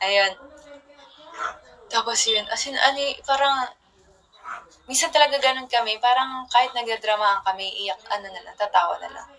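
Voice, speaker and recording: Bright-voiced young woman chatting on livestream. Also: on the high side, a little slow, long pauses, poor audio. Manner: rambling storytelling with soft trailing asides. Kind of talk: casual livestream chat.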